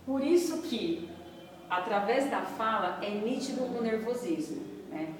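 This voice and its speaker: A woman's voice: a little high, a little hiss or hum. A woman teaching a classroom lesson in a conversational way, often checking in with her listeners. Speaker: instructor. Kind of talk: classroom lecture. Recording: echoey room, far from mic.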